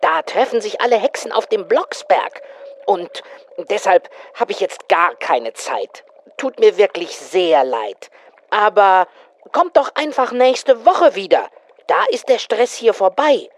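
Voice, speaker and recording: A woman's voice: mid-range voice, big pitch swings, a little slow, no echo. A woman doing a busy, apologetic witch. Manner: apologetic and friendly.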